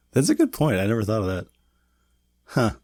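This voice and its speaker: A man's voice: fairly low pitch, darkish tone, no echo. Laid-back male podcast co-host, dry sound. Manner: laid-back, rambling with many "like"s. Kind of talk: casual chat.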